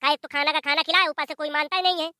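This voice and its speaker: A sharp-tongued young daughter-in-law glued to her phone, in a village cartoon, voiced by a woman. She sounds sassy and defiant in a high, bright voice, recorded close and dry. She speaks with a Bundelkhandi Hindi accent. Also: steady tone, very fast, no echo.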